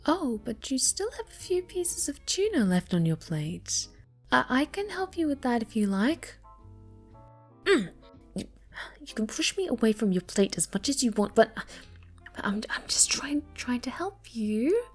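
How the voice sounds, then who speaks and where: In an unhurried ASMR roleplay with faint background music, a woman voices a young cat girl who is haughty, greedy and pouty. Her voice sits on the high side and is very animated; she's a spoiled brat who stammers when flustered, with a soft, needy side underneath.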